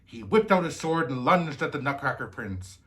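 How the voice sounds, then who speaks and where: A man's voice: on the high side, big pitch swings, sharp tone, pitched above the performer's own voice. A man playing a jolly old Santa Claus, telling children's stories in a hearty, theatrical manner. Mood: storytelling wonder. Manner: slow, hearty, theatrical delivery. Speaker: storyteller host. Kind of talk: cheerful children's storybook reading.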